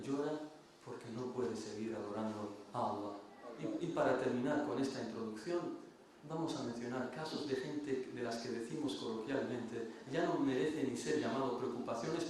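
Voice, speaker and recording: A man's voice: medium pitch, a little hiss or hum. A man giving a religious lecture, telling stories earnestly and often repeating or restarting phrases. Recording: very echoey room, mic far off.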